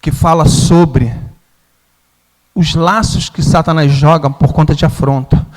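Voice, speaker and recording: Pastor, male, high voice, storytelling sermon, long church reverb. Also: fairly even intonation, measured pace. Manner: storytelling, acts out his own and his mother's lines. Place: church hall.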